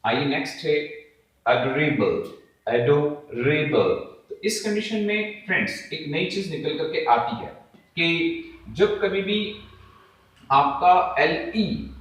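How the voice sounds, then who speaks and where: A man teaching English syllables in Hindi as a video lesson, talking to viewers as friends, asking and answering his own questions, drawing example words out slowly. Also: fairly high pitch, fairly bright tone. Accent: Indian, speaking Hindi. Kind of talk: classroom-style video lesson. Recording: very echoey room, voice from a distance.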